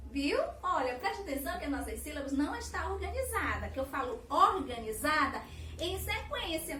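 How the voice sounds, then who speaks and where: High-voiced Brazilian teacher, roomy distant sound. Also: female voice, a bit bright. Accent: Brazilian Portuguese. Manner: sing-song, patient, drawn-out syllables. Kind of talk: remote lesson for young children. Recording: roomy echo, far from the mic, faint hiss.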